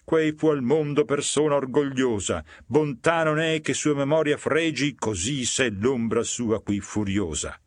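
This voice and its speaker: A man's voice: mid-range voice, a little slow, few pauses, dry recording, studio quality, pitched above the performer's own voice, close to an everyday voice. A man voicing a stern old spirit guide. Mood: scornful. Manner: solemn, declaiming verse.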